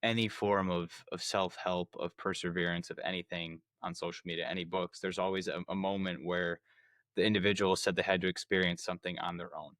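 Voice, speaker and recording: A young adult man from the United States hosts a podcast, keeping the interview casual while asking long, rambling questions he often restarts. His voice is low and level, fairly quick and a bit bright, recorded dry with studio quality.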